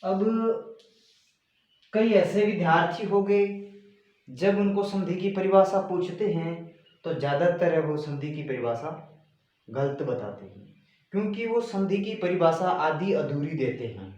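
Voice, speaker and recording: A male teacher giving a grammar lesson, slowly repeating and stressing key words. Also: a little high, expressive, darkish tone. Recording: very echoey room.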